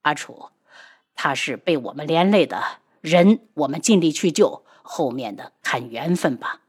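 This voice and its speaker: A woman voicing a steady, grave young prince in an audiobook, speaking calmly and firmly. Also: low-pitched, measured pace, slightly rough, pitched below the performer's own voice, full character voice. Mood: consoling.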